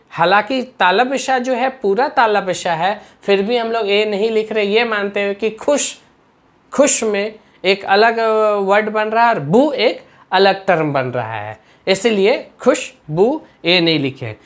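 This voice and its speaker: A woman teacher leads a spelling lesson at an ordinary, middle pitch. She sounds out each syllable with care, repeats key words and keeps quizzing her listeners with short questions. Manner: drills words slowly and asks the class questions.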